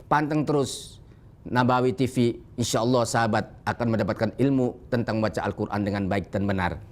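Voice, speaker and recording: A man with an Indonesian accent teaching Quran recitation on a televised lesson, explaining rules and stressing points emphatically. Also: mid-range voice. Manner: alternates explanation with slow chanted Arabic recitation examples; emphatic, animated when correcting mistakes.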